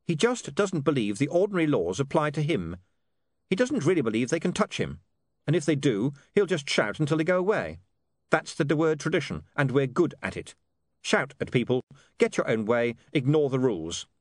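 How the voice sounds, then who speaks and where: In an audiobook, a man voices an earnest, bitter young man of privileged birth, pitching above his own natural voice. The delivery is very animated at a moderate pace, clipped and emphatic. The recording is studio quality with no room sound.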